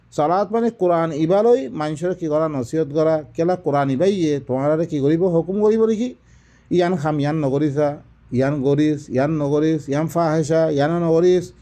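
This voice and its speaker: A man's voice: on the high side, dark tone. A man giving a religious lesson, explaining recited verses didactically with repeated phrases and rhetorical questions. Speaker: Quran teacher. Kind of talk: Quran exegesis, recited verses then explained.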